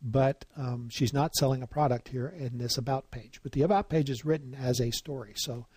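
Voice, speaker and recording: A man's voice: medium pitch, slightly rough, dry recording. Chatty male writing teacher, dry sound. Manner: relaxed and chatty, often pausing with um and uh. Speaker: writing workshop instructor. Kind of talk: casual online teaching.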